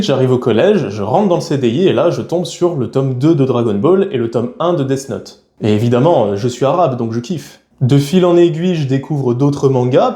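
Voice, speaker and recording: Young man from France, vlog monologue, rapid chatty delivery, mellow tone, echoey room. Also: medium pitch. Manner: frank, chatty, slangy. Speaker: YouTuber. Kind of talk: casual talking-head vlog.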